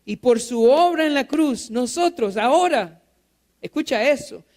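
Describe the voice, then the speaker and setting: Very high-voiced male pastor preaching. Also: expressive, a little slow, darkish tone. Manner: asks the congregation rhetorical questions and repeats key phrases. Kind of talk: sermon. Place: church.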